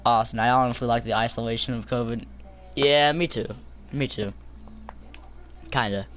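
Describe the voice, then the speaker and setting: A man's voice: medium pitch, normal speed. Young man joking on a game stream. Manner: loud, joking, talks to chat. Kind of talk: casual game stream commentary. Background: background game music.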